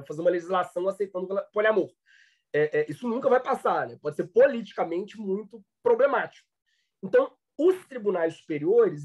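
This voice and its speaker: Brazilian guy teaching law, lots of uh and restarts, muffled audio. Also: sits high. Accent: Brazilian Portuguese. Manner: hesitant, many fillers and restarts. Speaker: law professor. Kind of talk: online lecture.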